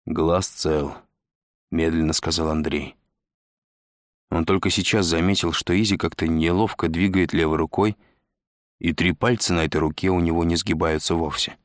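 Deep-voiced man narrating an audiobook. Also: steady tone, moderate pace, dry recording, studio quality.

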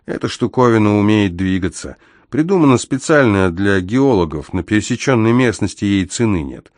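A man voicing a timid, jittery male accountant with rat-like features who squeaks when frightened. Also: expressive, moderate pace, darkish tone, dry recording, clean studio sound, natural voice. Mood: secretive.

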